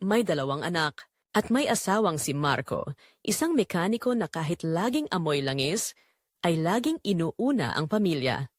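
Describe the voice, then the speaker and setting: A woman's voice: lowish voice, very animated, moderate pace, dry recording, clean studio sound. A woman with a Filipino accent narrating a scripted dramatic story as a storyteller.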